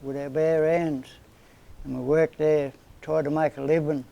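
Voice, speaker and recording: A fairly high-pitched, creaky voice belongs to a man in his seventies from northern New South Wales, an interviewee and community elder with an Australian accent. Unhurried and plain-spoken, he spins rambling stories of his life in casual conversation, using everyday slang. The recording quality is low.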